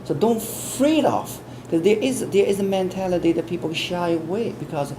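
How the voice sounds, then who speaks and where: A man with a Chinese accent answers interview questions as an English test expert, speaking earnestly and often repeating words and restarting. His voice is high and his speed normal, with air conditioning humming in the background.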